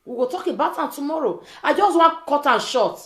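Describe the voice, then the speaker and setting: A woman's voice: sits high, animated, fairly quick. A woman with a West African accent delivers an informal pidgin rant like a social media vlogger, scolding and repeating pointed rhetorical questions. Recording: echoey, roomy sound.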